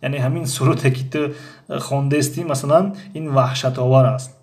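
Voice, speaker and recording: A man explaining English grammar as a teacher, reading example sentences slowly and repeating them. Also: medium pitch, steady tone, a little mellow.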